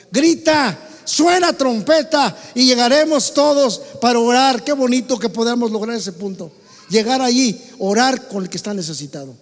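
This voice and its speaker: A man with a Mexican Spanish accent preaching a sermon to his congregation, swinging between loud calls and soft asides. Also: high-pitched, in a large hall. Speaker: pastor. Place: church hall.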